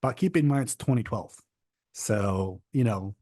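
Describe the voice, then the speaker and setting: A young Czech man whose first language is Czech tells his story as a podcast guest, rambling casually with restarts and stacks of fillers. His voice is fairly low, mellow and a little slow, recorded with clean studio sound and no echo.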